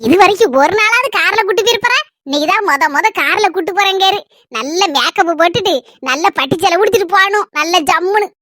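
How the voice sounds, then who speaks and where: Playing a frazzled, complaining housewife and mother, a woman with a Kanyakumari Tamil accent launches into long grumbling rants for a family comedy skit. Her very high voice is expressive, fast, and a bit bright, with no room sound.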